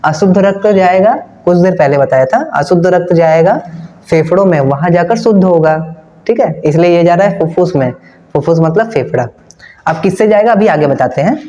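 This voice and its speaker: A man's voice: fairly high pitch, a little mellow. A man from India with a North Indian Hindi accent, teaching a science class online, repeating key terms and answering his own questions in a casual way. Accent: Hindi-speaking North Indian. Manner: casual, addresses students as brother and kids. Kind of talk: online class lesson with diagram.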